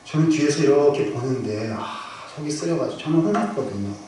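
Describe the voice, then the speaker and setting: A male pastor preaching a storytelling sermon, moving between loud bursts and hushed near-whispers. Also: mid-range voice, lively intonation, brisk. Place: church sanctuary. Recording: very echoey hall, from far off, noisy.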